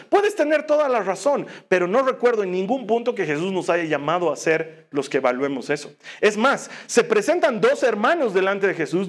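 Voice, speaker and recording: A middle-aged man, a pastor, preaching a sermon in an earnest way and firing rhetorical questions at his listeners. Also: extremely high pitch.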